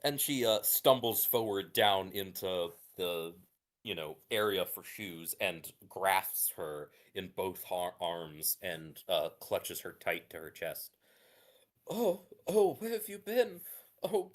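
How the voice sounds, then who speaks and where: A man's voice: lowish voice, sing-song, unhurried. A man voicing a doting, anxious innkeeper mother in her forties who talks breathlessly and keeps gasping "oh". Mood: frantic relief. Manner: breathless, fussing, repeated "oh"s.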